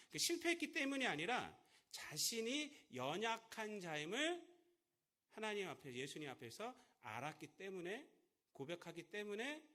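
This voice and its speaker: A man preaches from the pulpit with a high, bright voice that leaps up and down in lively swings. He keeps pressing the congregation with rhetorical questions and moves between loud emphatic lines and soft asides. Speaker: pastor. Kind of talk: sermon. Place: church.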